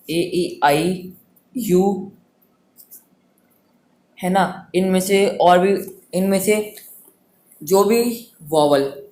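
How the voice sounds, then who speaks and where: A man teaching a grammar lesson online, patient and repetitive, sounding words out again and again. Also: high-pitched. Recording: echoey room with faint noise.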